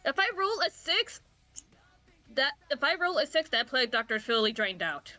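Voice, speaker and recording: A woman player in a tabletop game who describes her character's moves in an excited, rambling way. Her voice is high and bright, swooping widely in pitch, with faint music behind. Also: moderate pace.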